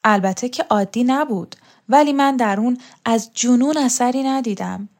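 A woman's voice: fairly high pitch, a little mellow, voice pushed up. An earnest, searching young man asks his questions in a storybook, troubled underneath. A woman gives him her own plain reading voice.

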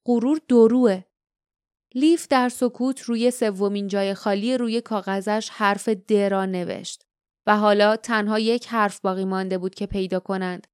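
A woman's voice: fairly even intonation, clean tone, no echo, studio quality. A woman narrating an audiobook, reading the dialogue with light character voices. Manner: reads dialogue in light character voices, raising pitch for quotes. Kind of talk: scripted narration.

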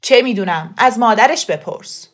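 A woman reader voicing an angry middle-aged uncle who talks loudly and blames others. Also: on the high side, expressive. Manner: loud, blaming.

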